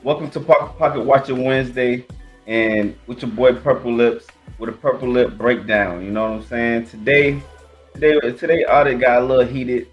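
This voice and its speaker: A man's voice: mid-range voice, steady tone, normal speed, dull audio, faint music behind. A man hosting his own reaction channel, talking in loose slang with a stammering, repetitive delivery. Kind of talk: casual reaction commentary.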